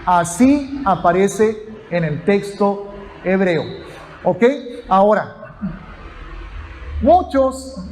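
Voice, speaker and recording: A pastor with a high voice and a darkish tone teaches a sermon in an explanatory style. He goes step by step, calls his listeners brothers, and checks in with "ok?".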